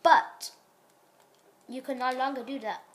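Sick and nasal, a woman hosts a gaming channel and rambles casually about the gameplay, pausing to cough. She records in a dark room with a phone pointed at a TV. Her voice sits high with a steady tone and a slightly slow pace.

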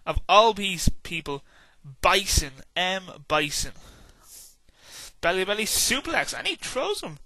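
Tired male wrestling commentator, bright and slow, casual and rambling, dry close sound. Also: high-pitched, sing-song, dry recording. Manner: casual, rambling, hums and sings to himself between calls. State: tired, yawning. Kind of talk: video game wrestling commentary.

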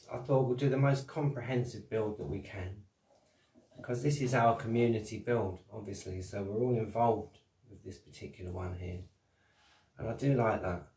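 A man with a medium-pitched, dark voice hosts a channel on building cigar box guitars, giving a cheerful, rambling how-to demonstration at a desk in his small home workshop. He laughs at his own jokes. The camera mic at desk distance gives a roomy, distant sound.

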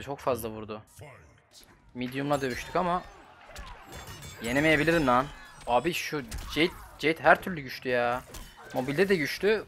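A young man with a Turkish accent, giving casual, slangy commentary while playing a fighting game at his computer and reacting loudly to each fight. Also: medium pitch. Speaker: gaming channel host.

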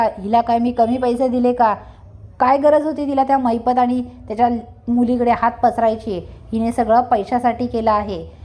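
A furious, stern father who scolds loudly, as a woman storyteller puts him on. The voice sits fairly high. The delivery is loud and scolding throughout. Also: lightly acted. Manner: shouting, scolding. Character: furious wealthy father, stern head of house.

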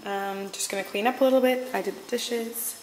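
A woman's voice: a little high, fairly even intonation, fairly quick, a little hiss or hum, rough recording. A woman in her twenties chatting casually to her vlog camera, rambling along with frequent ums. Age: 20s. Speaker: vlogger.

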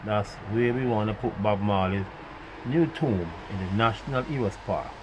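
A man ranting in a profane monologue, rambling and swinging between loud outbursts and muttered asides. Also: fairly low pitch, moderate pace, background noise. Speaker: vlogger.

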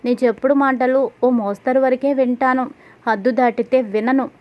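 A woman's voice: high-pitched, fairly even intonation, moderate pace, muffled recording, close to an everyday voice. A woman voicing an angry, hurt middle-aged mother who scolds, read in a level tone. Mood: scolding.

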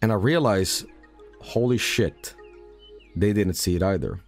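A young man streaming a game, rambling profanely and breaking into sudden loud outbursts. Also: fairly low pitch, measured pace, soft background music. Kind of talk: casual live-stream commentary.

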